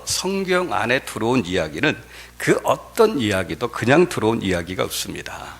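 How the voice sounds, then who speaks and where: Man, pastor, sermon, husky voice, lively emphatic delivery, filler pauses. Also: medium pitch. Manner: storytelling with emphatic rises, filler "어".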